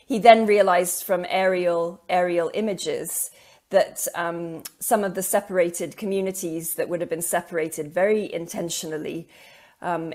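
On a video call, a middle-aged keynote lecturer delivers an academic talk on art alongside slides. She speaks at a fairly low pitch, thoughtfully and hesitantly, with frequent ums and repeated words.

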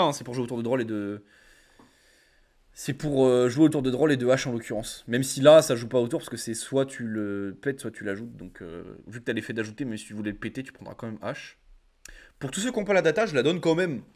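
A young man reading card effects aloud and reacting in relaxed slangy chat as a card game content creator. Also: mid-range voice. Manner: reads card text then comments casually with slang. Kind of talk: casual card review reading.

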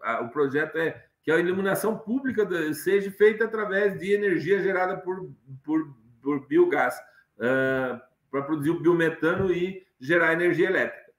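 Speaking at normal speed in an expressive voice on the high side, this middle-aged guest lecturer rambles through his online talk with plenty of fillers and restarts. He's in his bookshelf-lined home study, and the webcam on the video call captures an echoey room.

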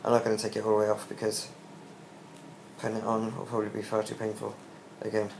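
Speaking in a monotone, the young British man's low, creaky voice sounds weak and worn out following surgery. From his bed in a small hospital room, he offers a halting, subdued video diary update on short breaths, captured with an echoey room sound and faint hiss.

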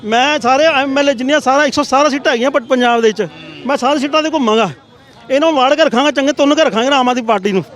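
Brief: middle-aged man, rapid-fire angry ranting, very high voice, street interview outdoors. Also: a bit bright. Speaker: party volunteer.

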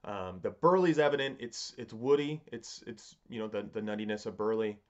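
Seated at a desk in his home study, a man in his thirties reviews pipe tobacco off the cuff, musing haltingly and frequently rewording what he says. His voice is on the low side, and the recording has its high frequencies cut off.

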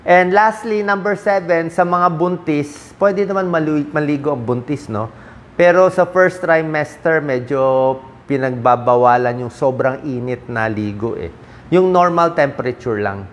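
A man's voice: a little high, a little slow. A middle-aged man from the Philippines, a doctor giving health advice in a casual, conversational talk. He slips English medical terms into his speech and keeps checking in with short tag questions.

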